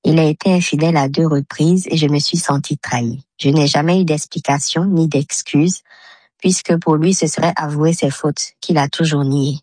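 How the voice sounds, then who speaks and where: A woman from Mali in her thirties reads a recorded message at a measured pace. Her voice runs through a voice changer that drops it very low. The sound is dry and close, with no room around it. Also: steady tone, warm tone, dry recording. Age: 30s. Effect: voice disguised with a voice changer. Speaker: caller to a health radio show. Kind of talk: recorded message read aloud.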